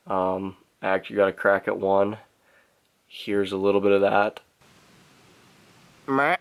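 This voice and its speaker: A man's voice: deep voice, monotone, moderate pace, creaky, clear, resonant tone. A man telling a story in a casual vlog, rambling with lots of filler words. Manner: rambling, many "um" and "pretty much". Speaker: hunting vlogger.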